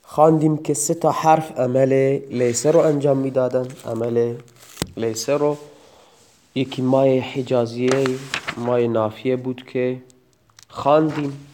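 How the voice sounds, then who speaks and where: A man's voice: medium pitch, steady tone, pauses often, dark tone, slight background noise. Man giving a methodical grammar lesson. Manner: methodical, explains word by word. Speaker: teacher of Arabic grammar.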